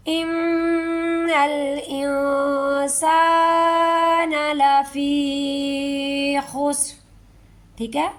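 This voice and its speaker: A woman, teaching Quran recitation step by step, explaining slowly and chanting verses drawn out. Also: high voice, vocal fry.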